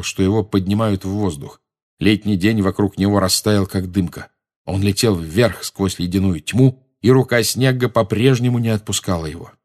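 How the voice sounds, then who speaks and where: A man narrating an audiobook in an even storytelling manner. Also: lowish voice. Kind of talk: audiobook reading.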